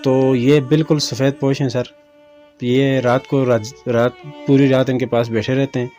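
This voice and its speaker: Thirties male neighbor, earnest and respectful, mid pitch, soft music bed. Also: level tone, moderate pace. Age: 30s. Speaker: neighbor interviewee. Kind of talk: interview answers.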